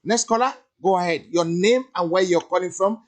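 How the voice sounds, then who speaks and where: A man hosting a phone-in talk show, briskly keeping callers to time. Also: high voice. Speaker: host.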